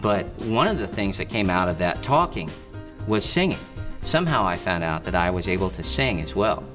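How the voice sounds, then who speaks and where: A man with a fairly low voice tells stories in an interview. He stops and restarts often and leans on lots of fillers. Music plays clearly behind him. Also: big pitch swings. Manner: halting, with many restarts and fillers. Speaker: harmonica player and singer interviewed. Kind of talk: interview storytelling.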